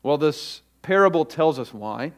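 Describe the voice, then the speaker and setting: A pastor preaching in a church sanctuary at a pulpit microphone. He speaks deliberately and slows down to stress repeated phrases. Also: a little high, animated. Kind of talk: sermon with opening prayer. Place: church sanctuary during a service.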